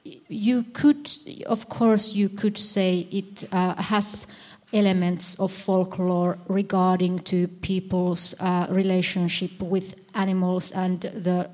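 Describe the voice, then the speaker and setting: Lady on a panel, slow and hesitant, hunting for words. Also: lowish voice, flat delivery, dark tone. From Finland. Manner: hesitant, searching for words, many fillers. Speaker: author and publisher. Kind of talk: panel discussion.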